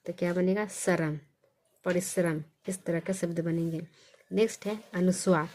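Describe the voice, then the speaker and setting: A woman teaching a basic reading lesson, asking questions and answering them herself, repeating each sound slowly. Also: lowish voice, fairly even intonation, darkish tone.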